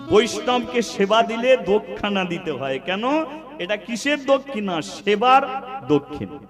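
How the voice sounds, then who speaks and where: A man delivers a devotional sermon in an unhurried, high voice, drifting into song now and then. His words ring out in a hall with a long reverb, and instrumental music plays underneath. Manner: preaching to a seated audience, half-sung phrases. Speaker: kirtan singer and preacher.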